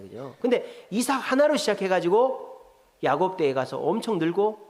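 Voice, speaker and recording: A middle-aged pastor with a Gyeongsang Korean accent, preaching in a chatty way, quizzing his congregation and telling jokes. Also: on the high side. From South Korea, Gyeongsang region. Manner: conversational, asks the congregation questions, jokes. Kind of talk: sermon. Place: church sanctuary. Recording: long hall reverb in a church.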